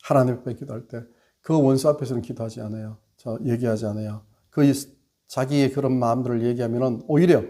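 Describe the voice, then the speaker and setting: A man preaching a sermon as a pastor, earnest, with his voice swelling and then dropping low to stress his points. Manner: earnest, swells and drops in loudness for emphasis.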